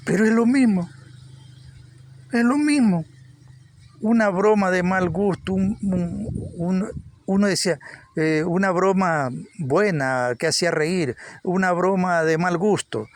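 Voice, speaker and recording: High-voiced guy preaching slow, repeats himself for emphasis. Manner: repeats words for emphasis, rising with energy at points. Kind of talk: informal Bible teaching.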